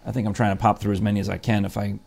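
A man's voice: lowish voice, little pitch movement, rapid-fire, creaky, darkish tone. A man hosting a casual morning chat show, talking in a rambling, chatty way with lots of fillers and restarts. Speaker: show host.

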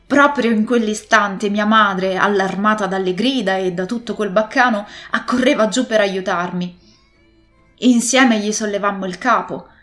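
A woman narrating a classic adventure novel as scripted narration, telling the story in a steady, expressive way. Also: medium pitch, moderate pace, soft background music. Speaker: audiobook narrator.

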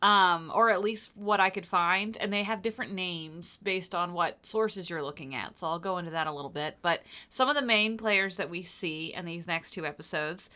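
A woman's voice: on the low side, normal speed, hardly any pauses, pushed and bright. A woman co-hosting a podcast in a casual chat, reading out episode details with lots of fillers, in a morning voice. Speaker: podcast co-host.

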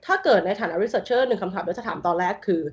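A woman's voice: mid-range voice, quick pace, dull audio. A woman thinking aloud through a design exercise in casual talk, mixing English terms into her speech, over a video call from home. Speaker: design interview candidate. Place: bedroom at home with a loud roommate. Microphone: computer mic on a video call.

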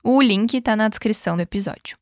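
A Brazilian woman hosting a podcast English lesson, upbeat and coaching, modelling English words slowly and prompting the listener to repeat them. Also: mid-range voice, darkish tone, no room sound, studio quality. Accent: Brazilian Portuguese. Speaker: English teacher and podcast host. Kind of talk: podcast language lesson with repeat-after-me drills.

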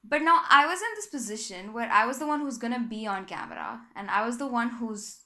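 Bright, rambling young woman podcaster. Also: on the high side, brisk. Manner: rambling, self-correcting, animated storytelling. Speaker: podcast host. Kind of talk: casual solo podcast chat.

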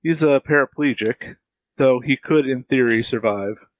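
Male podcast co-host, mid-pitched, casual chat, close dry recording. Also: a little slow, dry recording.

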